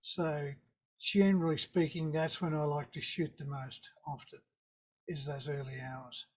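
Over a webcam in an indoor room with a virtual wave backdrop, an older surf photographer from Tasmania, Australia, speaks with a broad Tasmanian accent in a casual video-call interview. His voice sits a little high for a man, and he talks easily and unhurriedly, rambling through stories with relaxed, dry understatement.

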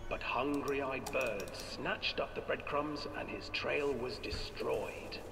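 Eerie storybook narrator, echoing from afar. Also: male voice, mid-range voice, slow, creaky, recorded from a distance, noisy background. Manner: lively, theatrical storyteller. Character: eerie male ride narrator, adult. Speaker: fairy tale narrator of a ride. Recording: echoey hall heard from afar, music.

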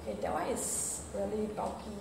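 Speaking at a medium pitch with a creaky quality, this middle-aged Singaporean home vlogger rambles through casual, unscripted chat, pausing often and repeating "okay." Her phone or tablet is either held or propped up, so its distance keeps changing. Between the bare-walled flat and the semi-open balcony corridor, the homemade audio comes out echoey and noisy.

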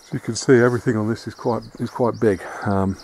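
This man, a vlogger fixing up a farmhouse, strolls through the grounds and a barn with a handheld camera, talking casually and often stopping to restart or fill gaps. He speaks in a lowish register over a rough recording that carries a slight hiss or hum.

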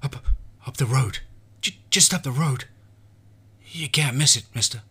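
A man's voice: medium pitch, a little slow, sharp tone, husky, voice pushed up, exaggerated voice. A man voicing a terrified teenage outlaw boy in a western horror story, stammering and pleading. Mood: frightened pleading.

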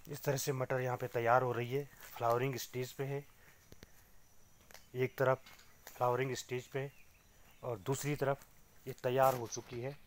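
A man's voice: medium pitch, flat delivery, unhurried, pauses often, a little hiss or hum. A middle-aged man giving a casual vlog tour of his small organic farm greenhouse, explaining the crops to viewers as he films on a phone held at arm's length. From Uttarakhand, India. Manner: plain, explanatory, pointing things out to viewers. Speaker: organic farmer. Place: inside a small polyhouse greenhouse. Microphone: phone camera held at arm's length.

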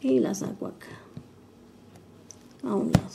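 A woman's voice: unhurried, noisy background. An older woman, patiently explaining an embroidery stitch step by step as she works. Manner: patient, calmly narrates each stitch while working. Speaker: embroidery teacher. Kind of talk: step-by-step craft tutorial.

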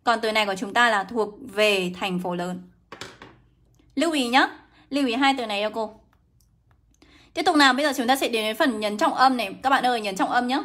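Brisk and coaxing, a young teacher streams an English lesson live. She has a bright, somewhat high voice and regularly addresses individual viewers by name.

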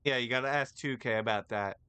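A man's voice: medium pitch, brisk, pushed and bright, clean tone, no echo. A man in his twenties, streaming and joking about the game as he plays, on a headset mic. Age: 20s. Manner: reactive, joking. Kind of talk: gameplay commentary.

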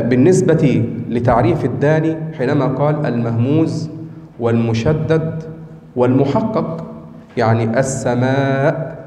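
A man's voice: fairly high pitch, dark tone. Egyptian man teaching in an echoey hall. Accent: Egyptian Arabic. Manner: demonstrates pronunciations slowly, quizzes listeners. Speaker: Quran recitation teacher. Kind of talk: tajwid lesson lecture. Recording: echoey room with long reverb.

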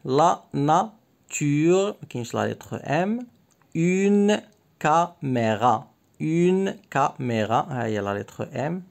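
Man, teacher, gravelly voice, says each word twice. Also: fairly high pitch, sing-song, slow pace. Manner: explains French instructions in Arabic. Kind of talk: workbook lesson for young pupils.

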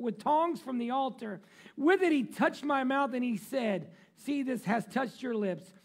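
A male pastor preaching a sermon in church, reading scripture and swinging between loud emphatic passages and quiet, low asides. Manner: reads scripture aloud and breaks off into joking remarks. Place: church sanctuary.

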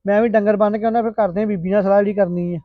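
A man's voice: high-pitched, fairly even intonation, very fast, dry recording, highs cut off, lightly acted. A man playing a poor village farmer and husband who talks in a matter-of-fact way. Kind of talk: homemade village drama acting.

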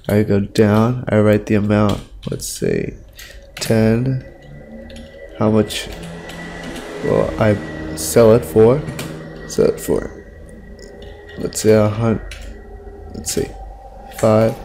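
Man on a slow, lo-fi webcam stream. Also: gravelly, warm tone, a little hiss or hum. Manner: rambling and profane, thinking aloud while playing. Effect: low-quality stream audio from a webcam mic. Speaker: Minecraft let's-play streamer. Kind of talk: casual gameplay commentary. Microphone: webcam microphone.

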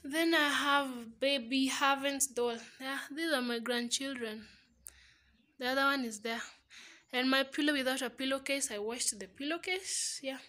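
Young Kenyan woman, vlogger, bright and fairly high voice, chatty phone tour of a small room. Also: normal speed. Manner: chatty, mixes Swahili words into English. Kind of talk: casual house tour narration. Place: small single room indoors. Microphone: phone camera held while walking.

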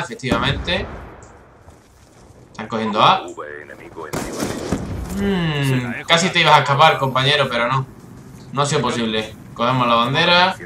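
A man with a Spain Spanish accent giving excitable, swearing live commentary over his own gameplay, with bursts of frustration. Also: mid-range voice, reverberant, a little hiss or hum. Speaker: gaming YouTuber.

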